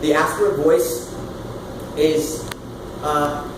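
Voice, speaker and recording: Loud man teaching voice in a roomy hall. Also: a little high, very slow. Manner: loud, animated, swears casually, demonstrates with sung sounds. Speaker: vocal coach. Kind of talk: casual workshop teaching. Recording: roomy, far from the mic, with room noise.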